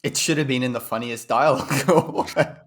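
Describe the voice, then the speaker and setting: A man co-hosting a podcast in casual chat, joking and chiming in with quick replies. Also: mid-range voice. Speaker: podcast co-host.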